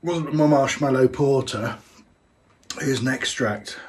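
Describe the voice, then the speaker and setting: Sipping his own homebrew in a small brewing room at home, this man talks slowly in a mid-range voice. It's a casual tasting vlog, and he muses aloud, his speech full of fillers.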